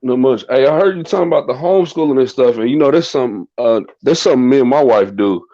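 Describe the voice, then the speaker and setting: A male caller from Indianapolis with a mid-pitched voice, stumbling and restarting as he talks. His audio is dull and lo-fi. It is dry, with no room sound. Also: lively intonation, warm tone, no echo. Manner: halting, many restarts and fillers, friendly. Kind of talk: casual call-in chat.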